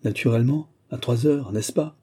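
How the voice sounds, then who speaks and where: A man's voice: medium pitch, moderate pace, mellow, slightly rough, natural voice. A man voicing an anxious, elegant baron in an audiobook, who asks flustered and urgent questions.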